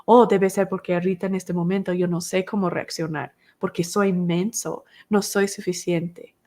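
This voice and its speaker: A woman's voice: on the low side, little pitch movement, moderate pace, darkish tone. Woman teaching with rhetorical questions. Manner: explains step by step with rhetorical questions. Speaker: teacher of a recovery class. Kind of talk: podcast class lecture.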